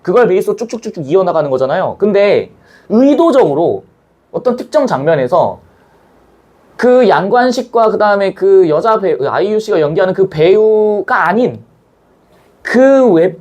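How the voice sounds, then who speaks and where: A male teacher with a high voice that swoops up and down, lecturing to his students. He talks in a loose, chatty way and often acts out little scenes to make his point. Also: normal speed. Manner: animated, chatty, acts out scenes, blunt slang. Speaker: Korean language teacher. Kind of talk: casual classroom lecture.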